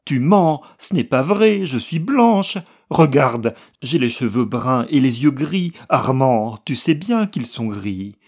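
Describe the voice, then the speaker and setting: A man's voice: medium pitch, very animated, takes it slowly, hardly any pauses, darkish tone, breathy edge, pitched above the performer's own voice, exaggerated voice. A man voicing a desperate young woman, a distraught wife and mother, crying out in pleading, near-hysterical lines.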